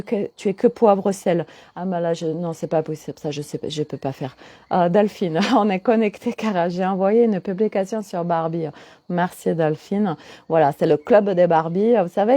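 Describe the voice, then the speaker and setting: Middle-aged woman, holistic coach, chatty live-stream host who keeps answering comments; mellow tone, dry close sound. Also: fairly low pitch, no room sound. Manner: chatty, answers viewers' comments as she talks. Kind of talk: casual live stream chat.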